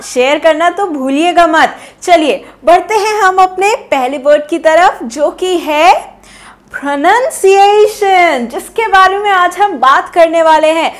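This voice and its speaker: A young woman from India with an Indian English accent, teaching an English pronunciation lesson in a playful, chatty way full of rhetorical questions. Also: high-pitched. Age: young adult. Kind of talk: online English lesson in Hindi and English.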